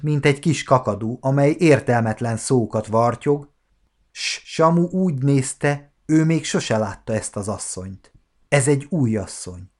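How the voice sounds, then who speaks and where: A man in his forties narrating a classic novella as an audiobook, measured and expressive. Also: mid-range voice. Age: 40s. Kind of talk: scripted literary narration.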